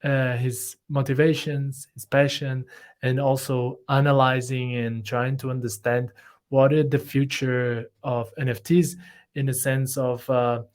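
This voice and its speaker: A man's voice: medium pitch, little pitch movement, a little slow. A man hosting a live online interview, talking loosely and searching for his words. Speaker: host.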